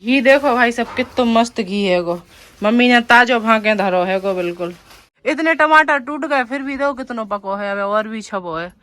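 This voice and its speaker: A woman's voice: fairly high pitch, lively intonation, moderate pace, a bit bright. A woman chatting casually, showing things to the camera. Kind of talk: casual vlog chat. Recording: very noisy outdoor phone recording.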